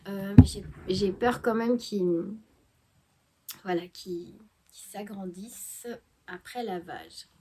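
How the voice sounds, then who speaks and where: Here a woman who vlogs about knitting talks to her viewers in a relaxed way, stuffed up with a cold. Her medium-pitched voice moves slowly, with long pauses, many fillers and false starts, and there's noise in the background.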